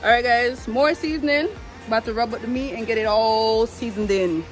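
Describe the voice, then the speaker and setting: A woman's voice: a little high, moderate pace. Chatty woman vlogging outdoors, music behind. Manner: chatty, addresses viewers as guys. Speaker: vlog host. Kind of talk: casual vlog chat. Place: outdoors by a river.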